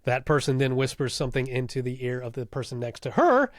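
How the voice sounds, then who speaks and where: A man's voice: mid-range voice, big pitch swings, quick pace, no echo, clean studio sound. A man co-hosting a casual podcast, recapping a TV episode scene by scene and breaking into laughs and asides. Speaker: podcast co-host.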